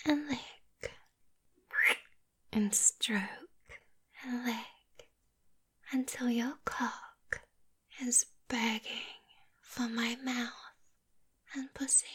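A woman voicing a teasing, possessive female succubus in a whispered ASMR roleplay, hushing softly into a close mic. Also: a little high, fairly even intonation, very slow, long pauses, full character voice. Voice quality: breathy.

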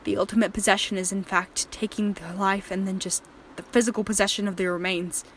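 A woman with a mid-range voice speaks briskly in a steady tone, close to how she'd normally sound, with a little hiss or hum audible. Playing a volatile, possessive male killer in an erotic horror audio drama, she is menacing and controlling, soft-spoken at first and then raging, with a softly menacing mood.

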